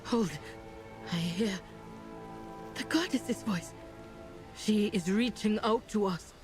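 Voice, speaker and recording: A woman's voice: medium pitch, slow pace, close to an everyday voice. A woman playing a solemn, commanding female troll leader, reverent toward her goddess, in a fantasy game. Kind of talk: scripted fantasy game acting. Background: game music.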